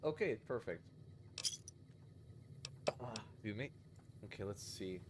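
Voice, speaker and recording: A man's voice: lowish voice, lively intonation, slow pace, heavy background noise. A man streaming a game, chatting casually as he plays, rambling and correcting himself with sarcastic asides. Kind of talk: casual gameplay commentary.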